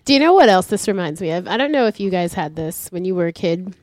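Woman co-host, giggly, animated intonation, dry close recording. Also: fairly low pitch, quick pace, no echo. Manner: giggly, enthusiastic. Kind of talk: casual wine-tasting chat.

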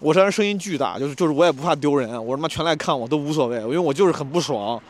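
Fast-talking man telling a story. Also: on the high side. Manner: animated, acts out quarrels in raised voice. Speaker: comedian vlogger. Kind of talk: casual storytelling vlog.

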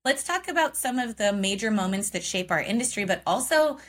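A woman's voice: a little high, animated, brisk. A woman from Oregon co-hosting a coffee business podcast, chatting casually with many fillers and frequent laughs. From Oregon, United States. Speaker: podcast co-host. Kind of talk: casual chat. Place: home, forest view.

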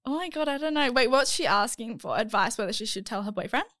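A woman's voice: a little high, animated, fast, a bit bright, no echo, clean studio sound. A young woman, co-hosting a casual chat podcast. She talks in a chatty, giggly way with lots of fillers. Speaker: podcast co-host.

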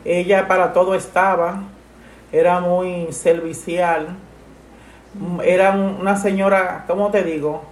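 A middle-aged woman, talking softly and haltingly about her late mother, full of grief. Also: lowish voice, level tone, echoey room. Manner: grieving, soft and halting, with many restarts. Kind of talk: emotional personal conversation.

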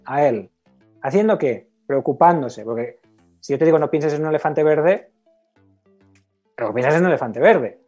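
A man's voice: a little high, darkish tone. Man explaining, asking and answering himself. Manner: conversational, asks and answers own questions. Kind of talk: explanatory podcast talk.

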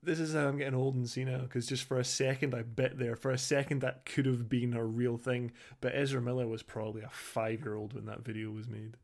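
A man's voice: mid-range voice, level tone, brisk, gravelly, hardly any pauses. A man in his thirties co-hosting a podcast in casual chat, informal, sweary and self-deprecating. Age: 30s. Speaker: podcast co-host.

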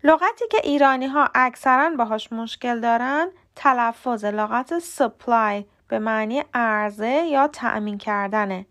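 A woman who speaks Persian as her first language hosts a podcast lesson, explaining calmly and clearly and saying model words slowly. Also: on the high side. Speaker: podcast host teaching English pronunciation.

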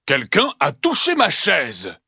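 A hulking, grumbling papa bear, played by a man in a storybook, booming out his complaints in a slightly raised, breathy voice. The recording is close and dry. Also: huge pitch swings, takes it slowly, no echo, full character voice. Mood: gruff, angry. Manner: loud, growling.

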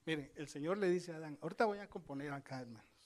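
A male preacher giving a sermon, telling scripture stories with lively asides and speaking straight to his congregation. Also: a little high, quick pace. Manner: lively storytelling, acts out scripture voices; addresses congregation directly, conversational asides.

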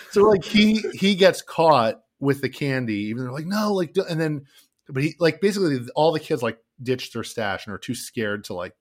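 A man's voice: fairly high pitch, big pitch swings, moderate pace. Casual male co-host, loose and rambling, chatty recap. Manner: rambling, heavy on "like" fillers. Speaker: podcast co-host. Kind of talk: casual chat.

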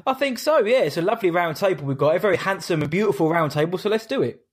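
A man's voice: high voice, expressive, very fast, husky. A man co-hosting a podcast in a laid-back, matey, rambling way. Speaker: podcast co-host. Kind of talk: casual podcast chat.

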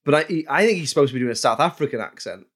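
A man's voice: on the high side, animated, racing, a bit bright. A man co-hosting a podcast, rambling casually about a film with many restarts. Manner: rambling, restarts, drops into offhand mock voices. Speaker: podcast co-host. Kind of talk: casual film review chat.

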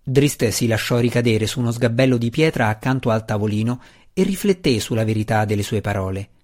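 A man's voice: medium pitch, a little fast, darkish tone. Man narrating a fantasy audiobook.

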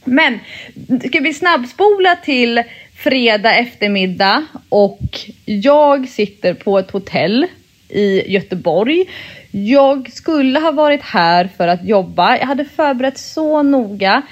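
A woman co-hosting a podcast in casual chat, telling stories in a relaxed, matter-of-fact way. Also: a little high. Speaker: podcast co-host. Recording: slightly dull lo-fi sound.

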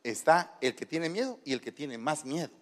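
A fairly high-voiced man, preaching and drawing answers from his listeners. He coaxes and teases people into telling their stories. His voice carries a long reverb from the hall. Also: big pitch swings, moderate pace, slight background noise. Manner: playful, teasing, coaxing questions. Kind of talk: interactive sermon with congregation.

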